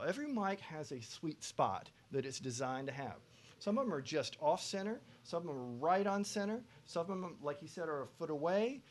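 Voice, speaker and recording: A man teaching a vocal production workshop to a live class, animated, asking the room questions and acting out singers. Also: a little high. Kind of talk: lively workshop lecture. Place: classroom before a live audience.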